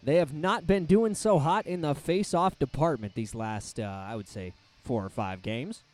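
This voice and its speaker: Joking young hockey color commentator. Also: male voice, moderate pace, a little mellow. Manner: playful, drops his voice low for asides.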